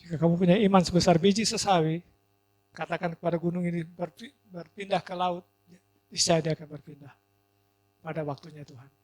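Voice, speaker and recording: A man preaching a sermon, swinging from loud emphasis to hushed asides. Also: high voice, steady tone, brisk. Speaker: pastor.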